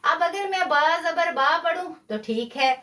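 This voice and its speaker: A woman's voice: extremely high pitch, expressive, unhurried, pushed and bright. A woman teaching a live online Quran lesson, patiently explaining step by step, stretching demonstration syllables and often praising students.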